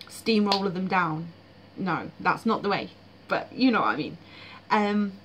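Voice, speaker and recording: A woman's voice: mid-range voice, rough recording. Frank woman with faint hiss. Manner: frank and blunt, with fillers. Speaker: dream vlogger. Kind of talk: casual spoken monologue.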